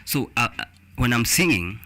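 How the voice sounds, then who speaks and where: A man's voice: medium pitch, big pitch swings, moderate pace, bright, forceful tone, faint music behind. A man from Central Kenya with a Kenyan accent, a Gikuyu speaker, talking as a musician in a conversational interview. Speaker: reggae musician interview guest. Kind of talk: conversational interview, mixing English and Swahili.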